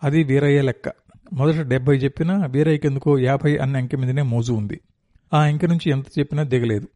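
Mellow male story narrator. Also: mid-range voice, fairly even intonation, brisk, dry recording. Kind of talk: reading a novel aloud.

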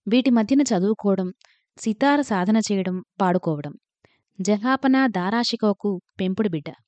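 A woman narrating a literary story in a measured, reflective reading. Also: mid-range voice, lively intonation, a little mellow, no echo. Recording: dull lo-fi, dry recording.

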